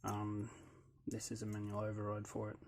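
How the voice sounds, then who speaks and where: A man talks through a hands-on demo in a relaxed, matter-of-fact way, dropping the odd dry joke. His voice is gravelly and mellow, at a middling pitch. Faint clicking and a little noise sit behind him. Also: normal speed. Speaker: lockpicking hobbyist channel host. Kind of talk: casual how-to narration. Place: hot backyard shed workbench.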